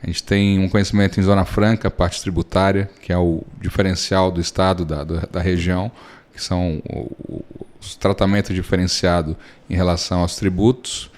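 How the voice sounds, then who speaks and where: A Brazilian man in his thirties with a fairly low voice, talking as a lawyer on a podcast. He explains things patiently and at length, leaning on everyday examples to make his point. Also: level tone, normal speed, darkish tone. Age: 30s. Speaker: lawyer and guest. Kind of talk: relaxed podcast interview.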